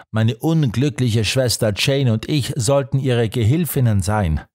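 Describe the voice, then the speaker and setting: A man's voice: mid-range voice, darkish tone, dry recording, clean studio sound, close to an everyday voice. A man reading the part of a defiant young woman in an audiobook, firm and scornful in tone. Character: defiant young woman held captive, proud.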